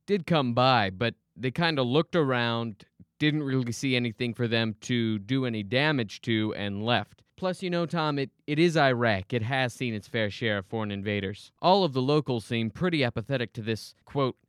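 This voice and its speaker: A man's voice: medium pitch, moderate pace, smooth, no room sound, clean studio sound, natural voice. A man playing a laid-back, nonchalant news correspondent who shrugs off the invasion. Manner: relaxed, nonchalant. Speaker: foreign correspondent.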